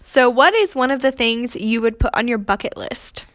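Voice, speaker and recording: A young woman from Missouri co-hosting a casual podcast. She talks in a friendly, easygoing way, often using fillers, and her voice sits a little high. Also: animated, normal speed, fairly bright tone. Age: young adult. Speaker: podcast co-host. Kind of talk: casual chat.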